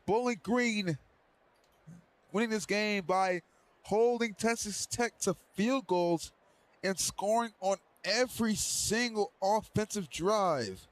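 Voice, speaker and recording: A man calling a livestreamed online football game, doing excitable play-by-play with loose, rambling asides and then interviewing a player. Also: high voice, takes it slowly. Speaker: play-by-play commentator and stream host. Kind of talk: casual livestream sports commentary.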